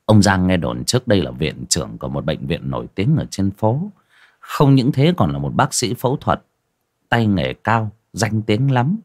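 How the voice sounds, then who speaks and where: A man tells a story in a measured, expressive way. His voice sits very low yet moves in wide, lively swings of pitch. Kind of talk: scripted story narration.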